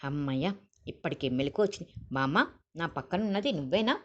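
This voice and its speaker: A woman's voice: low-pitched, animated, fairly quick, voice pushed down. A woman voicing a weak, frightened young woman who asks anxious questions, on a dull lo-fi recording. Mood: relieved.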